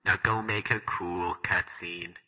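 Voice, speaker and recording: A man's voice: low voice, fairly even intonation, slow pace, bright, forceful tone, heavily acted, poor audio. A man voicing a boastful, cheerful male robot guide with a robotic voice effect, in a grandiose announcer style. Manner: grandiose, self-praising announcer delivery. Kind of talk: scripted demo narration.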